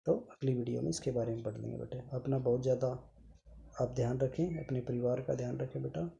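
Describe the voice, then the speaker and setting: A male teacher gives an online grammar lesson, sounding each word out slowly and addressing his pupils with affection. His voice is dark and mellow, with a gravelly edge of fry. He is patient and repeats himself often. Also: medium pitch, steady tone, muffled recording.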